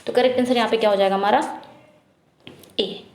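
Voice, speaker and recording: A woman teaching an English exam prep lesson, reading questions slowly and explaining quickly in Hindi, asking and answering herself. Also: a little high, steady tone, echoey room. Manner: repetitive drilling, asks then answers herself.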